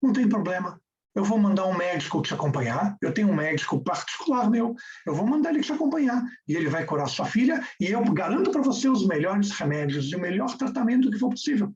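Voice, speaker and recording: A man voicing a rich, generous man from an old tale, speaking graciously and calmly. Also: high-pitched, fast. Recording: distant, dull recording.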